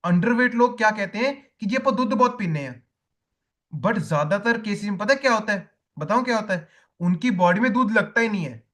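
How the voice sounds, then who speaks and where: A man's voice: high-pitched, lively intonation, brisk, fairly bright tone. A man teaching a diet lesson to coaches, repeating key points and telling listeners to write them down.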